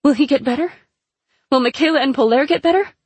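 A young heroine pressing for answers, played by a woman, urgent and pleading in her delivery. The voice is husky and sits close and dry. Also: low voice, little pitch movement, slow, no room sound, exaggerated voice.

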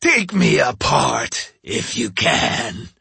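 A man's voice: medium pitch, wildly swooping pitch, extremely slow, creaky, bright, forceful tone, husky, no room sound, heavily acted. A man voicing a huge, boastful male oni demon, growling and mocking as he talks. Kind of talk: audiobook character voice.

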